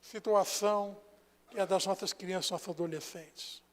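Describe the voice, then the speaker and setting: High-voiced Brazilian pastor in reverberant church. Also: male voice, steady tone, moderate pace. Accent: Brazilian Portuguese. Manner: storytelling with dramatic swings between soft and loud. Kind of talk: sermon. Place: church sanctuary. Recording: long church hall reverb.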